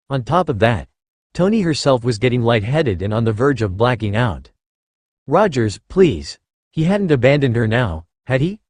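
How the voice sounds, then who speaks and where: Animated male fan-fiction narrator. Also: mid-range voice, dry recording, clean studio sound. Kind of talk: reading fan fiction aloud.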